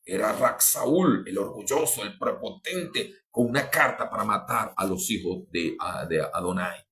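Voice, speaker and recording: A man's voice: animated, unhurried. Guy preaching a sermon, really fervent, voice jumps up then drops, keeps restarting lines. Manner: fervent, with sudden rises in pitch and loudness; repeats and restarts phrases, addresses the listener as beloved. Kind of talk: podcast sermon.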